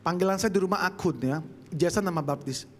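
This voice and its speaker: A man's voice: sits high, fairly quick, in a large hall. A man giving a humorous church testimony as a singer, telling his story in a chatty way and often turning to the congregation. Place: church service.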